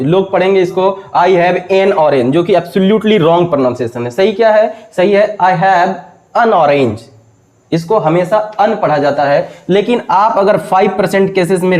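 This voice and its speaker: Teacher guy, fairly high voice, keeps asking himself questions and answering. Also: a little mellow, rough recording. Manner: explains step by step, asks and answers his own questions. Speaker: English teacher. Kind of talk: video lecture on pronunciation.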